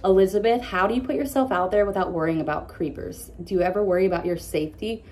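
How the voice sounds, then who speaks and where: A woman's voice: mid-range voice, fast talker, a little mellow. A young woman with a lisp, casually answering follower questions in a candid, blunt vlog.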